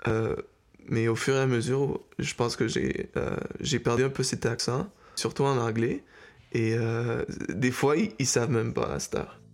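A man's voice: medium pitch, unhurried. A young man from Mexico, half Canadian, answering interview questions casually, with fillers and restarts. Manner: relaxed, hesitant, with fillers. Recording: faint music behind.

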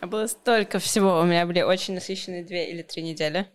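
A woman in her late twenties co-hosting a podcast in casual chat, lively and teasing. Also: lowish voice, quick pace. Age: late 20s. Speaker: podcast co-host.

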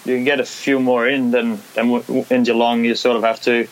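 Speaking fairly quickly in a level, mid-range voice, this young skateboarder from Denmark, who won a competition, chats casually in an interview with a Danish accent. He hesitates a lot, restarting and using fillers, and the poor audio carries a faint hiss.

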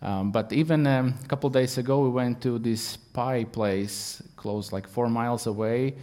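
Preaching as a guest, a native Latvian speaker works through his sermon in hesitant English, his accent clear. He's sincere and leans heavily on fillers. His voice is medium in pitch with a dark tone.

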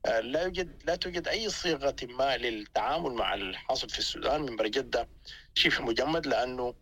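رجل سوداني سريع الكلام بنبرة ساطعة. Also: male voice, medium pitch, pushed and bright. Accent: Sudanese. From Sudan. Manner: halting, repeats words while searching for phrasing. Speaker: political interview guest. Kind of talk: spontaneous political analysis.

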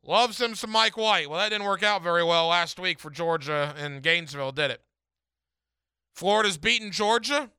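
Male sports radio host, contest promo delivery: very bright, close dry sound, emphatic, repeats himself for punch. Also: high-pitched, moderate pace, smooth, no echo. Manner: emphatic, repeats phrases, direct address to listeners. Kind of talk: radio contest promo, announcing a ticket giveaway to callers. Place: radio studio.

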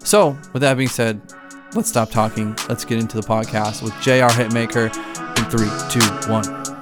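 A man's voice: mid-range voice, normal speed, over loud music. A man in his twenties from the Boston area, hosting a casual podcast chat in a loose, laid-back way, with lots of fillers and swearing. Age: 20s. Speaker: podcast host, beat producer.

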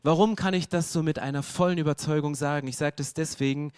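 A man's voice: fairly high pitch, fairly even intonation, fast, a little mellow, smooth, no echo, clean studio sound. A male preacher delivering an emphatic sermon in a casual, slangy way, speaking straight to the listener.

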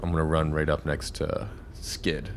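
Very deep-voiced man playing tabletop games. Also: little pitch movement, moderate pace, slight background noise. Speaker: player in a tabletop game. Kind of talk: casual game-table chat.

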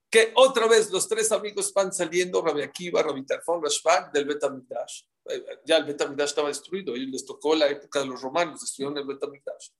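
A man leads a live Talmud class, his voice sitting a little high. He tells the stories with drama and keeps putting questions to his listeners. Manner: animated, dramatic storytelling with rhetorical questions. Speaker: Torah class teacher.

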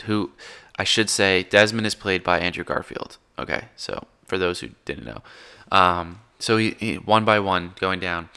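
Low-voiced guy in his 20s, crisp bright tone, rambles through a movie recap. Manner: rambling, self-correcting, frank. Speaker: film recapper. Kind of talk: casual movie retelling.

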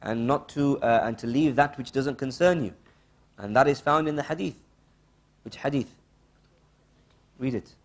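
A man giving a religious lesson as a teacher, didactic and questioning, repeating key phrases with pauses and mixing Arabic quotations into English. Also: medium pitch. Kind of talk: religious lesson, quizzing listeners and explaining.

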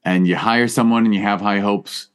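Lowish-voiced man hosting a podcast. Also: fairly even intonation, normal speed, smooth. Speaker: podcast host. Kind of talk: casual interview chat.

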